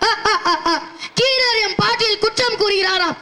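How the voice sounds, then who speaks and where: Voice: very high-pitched, measured pace, a crowd in the background. A performer playing a proud, haughty male poet who boasts and challenges in formal declamation. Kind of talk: Tamil stage-play acting.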